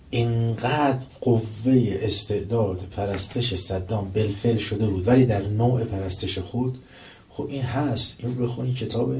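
A male preacher giving a religious lecture, telling stories with rising intensity and reciting verses slowly. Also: lowish voice, a little mellow, slight background noise. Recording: dull lo-fi recording.

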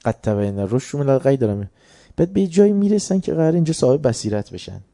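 A man with a Tehran accent preaching a sermon, moving from hushed storytelling to loud, emphatic points. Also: mid-range voice, very animated, dry recording, clean studio sound. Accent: Tehran Persian.

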